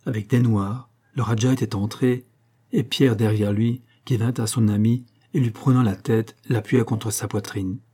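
A man reading a classic adventure novel aloud, with measured, dramatic storytelling. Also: fairly low pitch, steady tone, dark tone, breathy edge. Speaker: audiobook reader. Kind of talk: literary audiobook narration.

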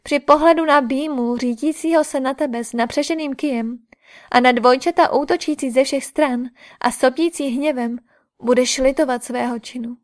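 A woman reading an audiobook, voicing an angry, scornful princess who shouts her threats. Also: sits high, close to an everyday voice. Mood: furious. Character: furious proud young princess Draupadi.

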